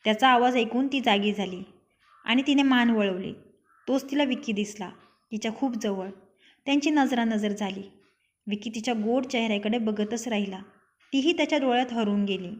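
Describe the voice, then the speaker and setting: A woman's voice: on the high side, moderate pace. A young woman narrating her own written love story, reading every character's lines herself.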